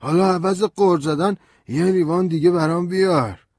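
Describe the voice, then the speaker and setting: A man's voice: high voice, a little mellow, breathy edge, no room sound, clean studio sound, voice pushed up. A man putting on a drunk, suspicious lawyer. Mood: exasperated. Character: drunk hostile middle-aged male lawyer.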